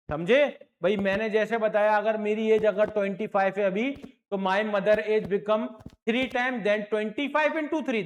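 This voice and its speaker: A man's voice: high voice, a little hiss or hum. A man teaching a maths lesson online, encouraging his students and repeating each point patiently, with English terms mixed into his explanations.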